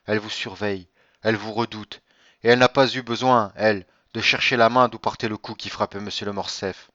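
A man's voice: fairly low pitch, fairly even intonation, a little fast, pushed and bright, no echo. A man reading an audiobook, voicing an anguished noble mother who pleads with emotion. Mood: pleading. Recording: dull lo-fi dry recording.

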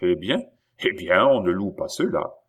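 A man's voice: deep voice, big pitch swings, a little slow, heavily acted. A man voicing a stubborn innkeeper-postmaster who protests in an exasperated way. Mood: protesting. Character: flustered stubborn older male postmaster.

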